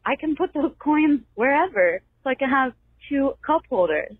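A woman leaving a voicemail for a podcast, telling a small story in a slow, halting way. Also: sits high, expressive, dry recording. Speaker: voicemail caller. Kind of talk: voicemail message. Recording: tinny phone voicemail.

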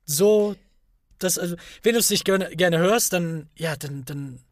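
A man's voice: high-pitched, unhurried, dry recording, studio quality. A man co-hosting a podcast, chatting casually and arguing his points earnestly at length. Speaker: podcast co-host.

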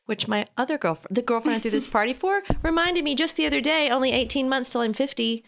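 A woman in her forties, co-hosting a casual chat and telling stories in an animated way. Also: high voice, fast, vocal fry, slight background noise. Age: 40s. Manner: animated storyteller. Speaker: podcast co-host.

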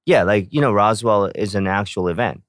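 A man in casual chat who tells stories with animated acted-out reactions. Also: on the low side, fairly quick, dry recording, clean studio sound. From South Korea. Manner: animated storyteller, acts out reactions.

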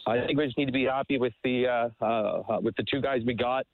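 A man calling in to a sports talk show over the phone, speaking haltingly with many fillers and restarts. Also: medium pitch, fairly even intonation, no room sound. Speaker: caller. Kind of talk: sports call-in chat. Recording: dry tinny phone line.

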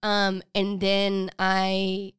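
A woman's voice: mid-range voice, monotone, extremely slow, fairly bright tone, smooth, no room sound, studio quality. A young woman hosting a podcast, chatting casually and rambling through a story with fillers and asides. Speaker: podcast host. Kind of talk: casual chat.

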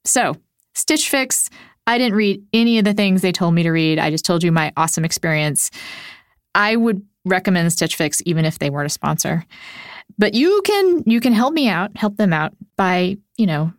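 A woman's voice: lowish voice, animated, moderate pace. A woman hosts a podcast with chatty, self-mocking rambling that flows into a host-read ad. She stands at the mic and is recorded close and dry, with no room echo. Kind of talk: casual chat and host-read ad. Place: home studio, standing at mic.

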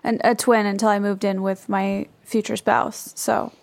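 A woman's voice: medium pitch, flat delivery, moderate pace, gravelly, dry recording, studio quality. A woman co-hosting a podcast in a chatty, informal, conversational way. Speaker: podcast co-host. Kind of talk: casual chat.

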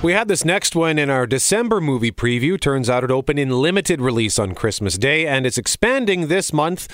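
A man's voice: fairly high pitch, sing-song, fairly quick, fairly bright tone, no echo, clean studio sound. A man hosting a radio show, reading a scripted movie preview. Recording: voice over clear background music.

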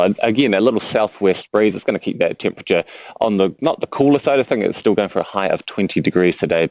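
A man's voice: low-pitched, narrow, tinny audio. A man with a New Zealand accent explaining the weather informally in a conversational radio interview. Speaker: weather forecaster.

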